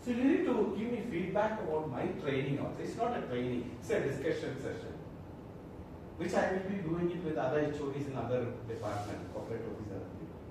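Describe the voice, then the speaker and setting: A man's voice: on the high side, very animated, quick pace. A man with a Malayalam accent leading an interactive training talk as a corporate trainer, often putting questions to his listeners to check they follow. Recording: echoey room, distant mic, loud background noise.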